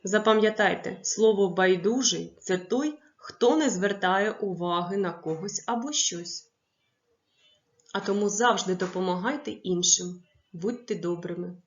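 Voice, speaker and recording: Woman teacher, slow clear dictation. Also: medium pitch, highs cut off. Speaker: primary school teacher. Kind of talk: classroom lesson for young pupils.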